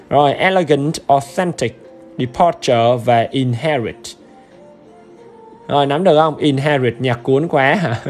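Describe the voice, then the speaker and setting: A man teaching English on a livestream, upbeat and chatty, often checking in with viewers. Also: mid-range voice. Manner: upbeat and chatty, keeps urging viewers to comment; repetitive check-ins with the audience. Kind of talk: livestream exam-review lesson.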